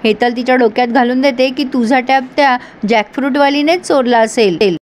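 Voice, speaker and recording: A woman's voice: high voice, normal speed, a little hiss or hum. A woman, retelling a serial episode in casual narration and reading the characters' lines in her own voice. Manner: retells scenes and reads characters' lines in her own voice, laughs now and then.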